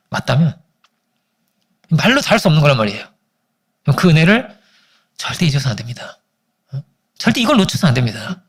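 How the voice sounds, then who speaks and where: Animated preacher man with a lively voice. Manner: animated storytelling, acting out family quarrels in high voices. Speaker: pastor. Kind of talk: sermon.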